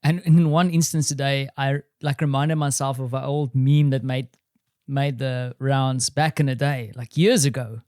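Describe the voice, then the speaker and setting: A man's voice: mid-range voice, steady tone, unhurried, darkish tone, dry recording, studio quality. A middle-aged man hosting his own podcast, rambling and self-deprecating in a casual solo monologue. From South Africa. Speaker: podcast host. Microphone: studio microphone.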